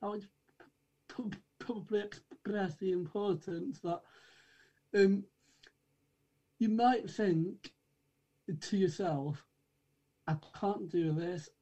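A man's voice: sits high, mellow, low-quality recording. A man chatting as an interview guest, hesitant and thoughtful as he pieces his answers together. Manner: hesitant, halting, thoughtful delivery. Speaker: podcast guest, amateur performer. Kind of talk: casual interview chat.

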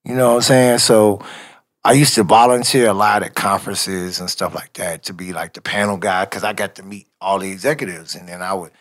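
A man's voice: low-pitched, fairly quick. A man from Chicago, a music executive, telling stories in a casual interview, acting out conversations with slang and frequent laughter. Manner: animated, acts out dialogue, laughs often, slangy.

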